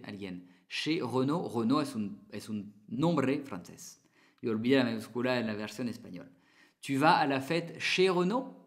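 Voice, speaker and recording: Male teacher, slow and deliberate drill voice, mid-pitched, repeats every form. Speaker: French teacher.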